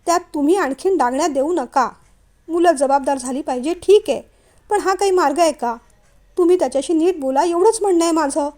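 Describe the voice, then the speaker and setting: Brief: woman playing an anxious storybook mother, pleading, high-pitched. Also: normal speed, mellow, lightly acted. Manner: pleading, coaxing. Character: worried pleading middle-aged mother.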